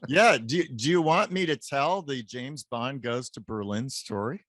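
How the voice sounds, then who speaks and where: Slow-talking animated male storyteller. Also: mid-range voice, no echo. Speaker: guest, professor. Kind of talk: casual interview storytelling.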